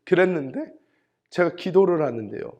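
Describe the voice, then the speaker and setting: In this muffled recording, a middle-aged pastor with a slightly high voice preaches at normal speed from a church sanctuary. He animates his sermon with stories, voicing the people who appear in them.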